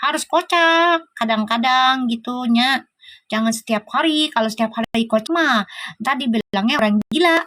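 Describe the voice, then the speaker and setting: A woman's voice: high voice, normal speed, a bit bright. A middle-aged woman with a Sundanese-flavored Jakarta accent, hosting a live-stream and chatting with viewers in a teasing, laughing, playful way. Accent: Sundanese-flavored Jakarta Indonesian. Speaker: live-stream tarot host.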